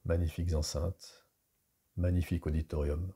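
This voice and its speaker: Deep husky guy walking you thru a hi-fi store, really dark voice, laid back. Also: normal speed. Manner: relaxed guide voice with fillers. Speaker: guide giving a shop tour. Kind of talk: narrated walkthrough tour. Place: multi-floor hi-fi store, indoors.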